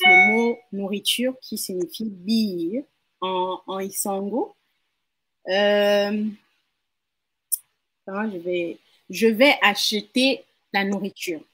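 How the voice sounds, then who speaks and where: A woman's voice: mid-range voice, a bit bright. A woman learning a language from her mother in a casual lesson, repeating words carefully and laughing at herself. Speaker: learner and co-host.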